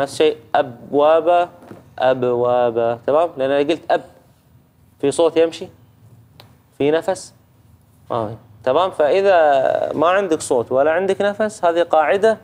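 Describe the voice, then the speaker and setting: With a slightly mellow voice on the high side, this Gulf Arabic-accented Quran recitation judge patiently teaches a reciter tajweed rules. He demonstrates sounds and checks in often.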